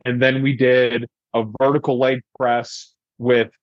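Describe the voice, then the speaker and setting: A man's voice: mid-range voice, flat delivery, a little slow, dry recording. Man telling a rambling gym story. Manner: rambling, heavy use of "like", profane. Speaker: podcast guest. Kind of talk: casual storytelling. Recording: dry, dull lo-fi podcast audio.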